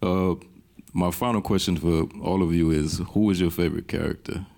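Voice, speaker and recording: A man's voice: deep voice, fairly even intonation, moderate pace, creaky, darkish tone. A man moderating a panel talk with upbeat, brief remarks.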